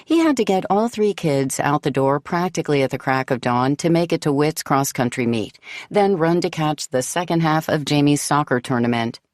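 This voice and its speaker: A woman's voice: low voice, expressive, normal speed, darkish tone, no room sound. A woman narrating a novel in the first person, composed and wry, close to the mic. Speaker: audiobook narrator.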